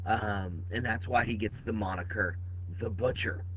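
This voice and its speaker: A man's voice: on the low side, steady tone, moderate pace. A man lecturing to his class, casual and direct, as if talking to the students in the room. The recording is a little muffled and lo-fi. A faint hiss sits under his voice. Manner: conversational, addresses students directly. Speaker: history teacher.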